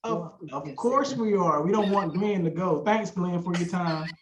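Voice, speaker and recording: A man's voice: sits high, measured pace, slight background noise. A man contestant on a video-call game show, blunt and teasing. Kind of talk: casual banter. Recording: muffled, roomy call audio.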